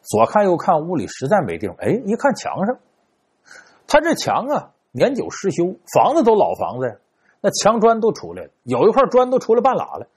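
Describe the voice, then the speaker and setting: A man with a Beijing accent telling a traditional story, animated and chatty with playful asides. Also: high-pitched, fairly quick, husky.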